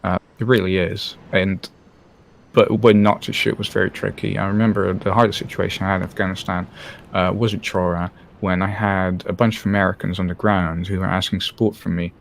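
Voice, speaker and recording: A man's voice: deep voice, level tone, fairly quick, gravelly, slight background noise. A man from the Netherlands, a former helicopter pilot, talking frankly in an interview with many hesitant restarts. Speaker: former Apache pilot guest. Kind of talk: candid interview talk on a live stream.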